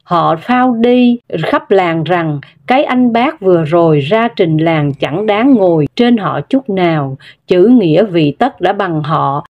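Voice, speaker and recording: A woman narrating a story in a steady, measured way, with scripted storytelling delivery. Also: lowish voice, muffled recording.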